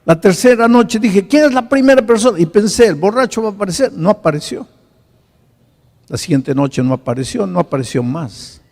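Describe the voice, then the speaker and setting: Man, pastor, sermon storytelling, dark voice, long hall reverb. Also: high voice, animated, moderate pace. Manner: dramatic, swings from hushed to loud.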